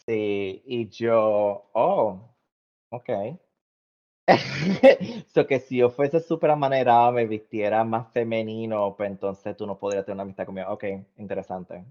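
Puerto Rican male co-host, thirties, lower voice, chatty, lo-fi recording. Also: fairly even intonation, moderate pace, hardly any pauses. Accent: Puerto Rican Spanish. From Puerto Rico. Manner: laughs often, mixes in English words. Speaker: podcast co-host. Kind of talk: casual chat. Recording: dull lo-fi recording.

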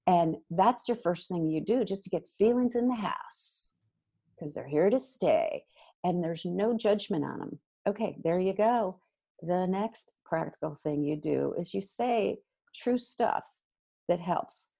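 Woman, parenting guest; husky, slightly gravelly voice, lively chat, voices little dialogues. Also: lowish voice, measured pace. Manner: animated, acts out quoted dialogue. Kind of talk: casual advice chat.

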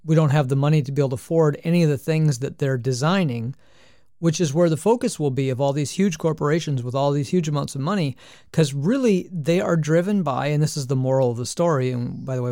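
Gravelly man rambling in casual chat. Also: a little high, fairly quick, a little mellow, no echo, clean studio sound. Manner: rambling, with many restarts and hesitations. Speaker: podcast co-host.

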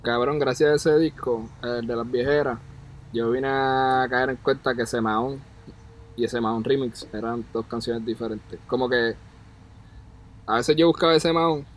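A man's voice: medium pitch, fairly even intonation, normal speed, a little hiss or hum, poor audio. A young man with a Puerto Rican accent, co-hosting a casual podcast chat, slangy and joking, stretching his words. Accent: Puerto Rican Spanish. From Puerto Rico. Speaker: podcast co-host. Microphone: remote call mic.

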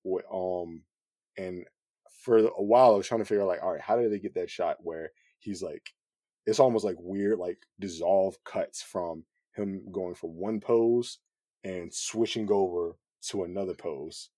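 A man, a cinematographer guest, talking in a relaxed, rambling way with lots of fillers. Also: low voice, unhurried, dry recording, clean studio sound. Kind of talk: casual podcast conversation.

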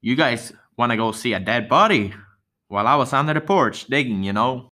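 Vern, excitable pleading boy played by a man. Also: medium pitch, brisk. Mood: eager. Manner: urgent, pleading, repetitive. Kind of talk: amateur dramatic read-through.

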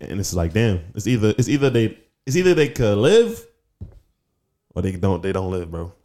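A man in his twenties co-hosting a podcast, talking loosely and laughing often, rising high when he jokes. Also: big pitch swings, moderate pace, mellow. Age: 20s. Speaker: podcast co-host. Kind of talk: casual chat.

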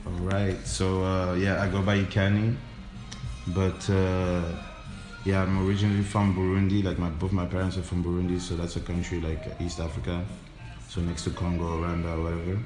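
Young male DJ guest, low monotone, relaxed and filler-heavy, roomy recording. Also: normal speed, music in the background. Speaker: DJ and interview guest. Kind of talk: casual interview chat.

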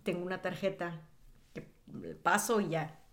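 A woman with a northern Mexican accent co-hosts a podcast in casual chat, her lowish voice holding a steady tone at normal speed. She's plain and matter-of-fact, and she corrects firmly.

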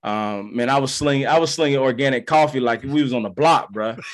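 A man's voice: mid-range voice, brisk. A former pro ballplayer talks as a podcast guest, with a voice that sits in the middle of the male range. He tells his story in loose, slangy language and acts out the voices of the people in it. The talk stays easygoing. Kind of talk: casual storytelling.

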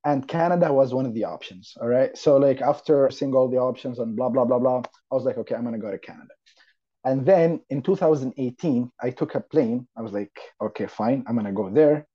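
A 22-year-old university student from Saudi Arabia, speaking with an Arabic accent, tells his own story informally as a podcast guest. His medium-pitched voice is brisk and slightly rough, and the lo-fi recording sounds a bit dull.

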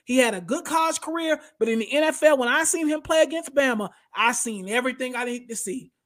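A man's voice: very high voice, fast talker, fairly bright tone. A man hosting a casual sports talk show, blunt and opinionated, who often says "bro" and "y'all". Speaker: podcast host.

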